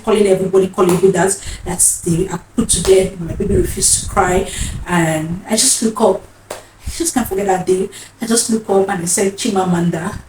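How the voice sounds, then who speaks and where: A woman, telling a personal story in an earnest, emotional way and often repeating her phrases. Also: mid-range voice. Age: 30s. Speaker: vlogger. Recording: roomy, distant mic, faint noise.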